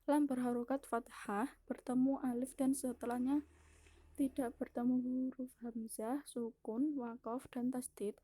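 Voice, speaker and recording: Dark, husky young woman presenting a lesson. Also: a little high, dry recording. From Indonesia. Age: young adult. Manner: careful and methodical, listing rules step by step; restarts words mid-sentence. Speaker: university student presenter. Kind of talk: class presentation on Quran recitation rules.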